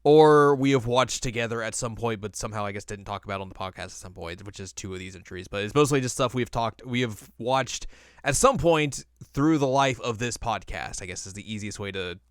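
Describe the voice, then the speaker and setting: This is a man hosting a podcast, chatting casually about video game films. His voice is fairly low, smooth and a little fast. The studio sound is clean, with no room sound.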